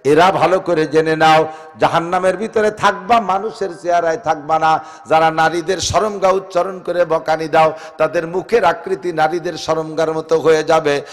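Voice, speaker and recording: Gopalganj Bengali preacher, male, pitched a little high, moves from shouting to quiet asides, reverberant hall. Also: fairly even intonation, moderate pace. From Bangladesh. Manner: swings from shouted exhortation to soft, joking asides. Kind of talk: Islamic sermon to a congregation.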